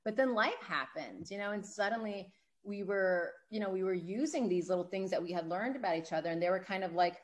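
A woman guest on a podcast, telling stories in an animated, chatty way full of "like" and "you know". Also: medium pitch, a little fast. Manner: animated storyteller, heavy use of "like" and "you know". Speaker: guest author. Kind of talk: casual podcast conversation.

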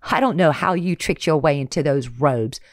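A reader voicing a gravelly, menacing male nobleman who taunts and threatens loudly. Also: medium pitch, normal speed, no echo, clean studio sound, pitched above the performer's own voice, natural voice. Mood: vengeful.

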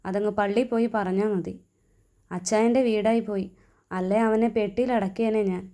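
A gruff young husband, possessive and teasing, as a woman reader puts him on. His banter comes in a mellow, warm voice pitched in a middle range, with a quick temper underneath. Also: fairly even intonation, close to an everyday voice.

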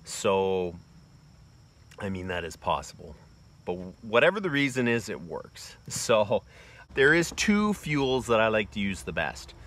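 Out in a wooded bee yard, a man in his forties demonstrates a task in a relaxed, plainspoken way for his homesteading vlog. His lowish, slightly bright voice swings widely in pitch and moves unhurriedly, scattered with loose fillers. The phone recording him is held close, and crickets and insects sound behind him.

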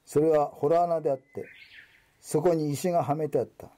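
A man giving a steady, formal Bible reading in Japanese. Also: a little high, moderate pace. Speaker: scripture reader.

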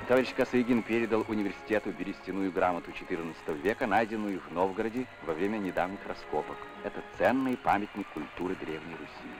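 Low-voiced man narrating an old newsreel. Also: fast, few pauses, poor audio. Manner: formal, declamatory announcer delivery. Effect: old newsreel sound. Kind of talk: 1960s Soviet newsreel narration. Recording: narration over loud music.

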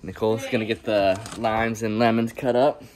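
A man's voice: lowish voice, steady tone, normal speed, heavy background noise. A man narrating a casual vlog in a laid-back, slangy, chatty way. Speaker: vlogger.

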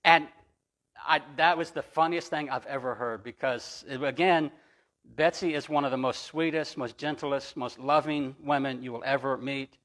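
A man's voice: medium pitch, steady tone, normal speed, fairly bright tone. A man preaching a sermon as pastor, telling personal stories in a conversational way with frequent restarts. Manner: storytelling, conversational, with repeated restarts.

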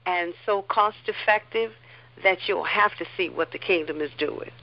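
Female interview guest, upbeat and laughing easily, lower voice, muffled lo-fi recording. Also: moderate pace. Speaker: guest, publishing company founder. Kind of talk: casual radio interview. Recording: dull lo-fi line with faint music.

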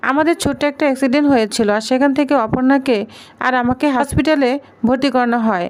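A woman's voice: high voice, fast talker, close to an everyday voice. Woman reading as a guarded young man.

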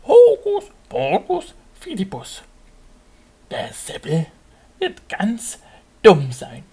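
Man putting on a shrill, mocking puppet-show witch. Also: huge pitch swings, dark tone, breathy edge, full character voice. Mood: gleeful menace. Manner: theatrical German puppet-show delivery, drawn-out spells. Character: cackling, mocking, bossy old witch, female. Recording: noisy home puppet-stage recording.

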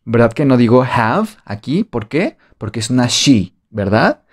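Mexican Spanish-accented man, online teacher, jokey, unhurried pace, mid-pitched. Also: sing-song, slightly rough. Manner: playful, jokey, drills with repetition. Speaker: English teacher. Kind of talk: online beginner English lesson.

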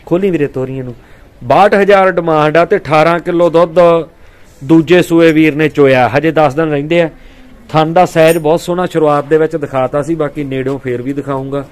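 A man hosts a dairy farming video outdoors. His voice sits a little high, and he talks casually and warmly to viewers he calls brothers and friends. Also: fairly even intonation, fairly quick. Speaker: dairy farming vlog host. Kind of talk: casual livestock sale walkthrough. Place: outdoors on a farm.

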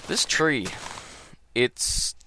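A man's voice: drawn-out words, bright, forceful tone, a little hiss or hum. A man giving casual gameplay commentary in a groggy early-morning voice, rambling and hesitant. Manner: rambling, hesitant, full of ums and trailing thoughts.

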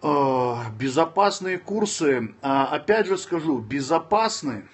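His voice sits on the high side, slightly rough, and he talks at a slow pace: a Dagestani man in his thirties on a casual phone livestream, sitting indoors with the camera close. He answers viewers bluntly, cursing freely and snapping at trolls between calm tips.

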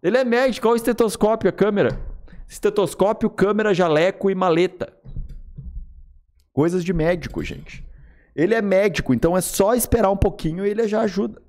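A young man with a Brazilian accent streaming a horror game live. He is excitable, swears, and yelps and shouts in fright. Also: high-pitched, brisk. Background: game music.

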